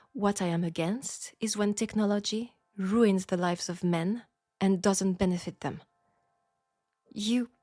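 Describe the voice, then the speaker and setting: A woman with a French accent voices a proud, wry young Parisian seamstress in a scripted audio roleplay, sounding defensive. She speaks at medium pitch in a measured, pointed, sardonic way, sighing, and the recording has no echo.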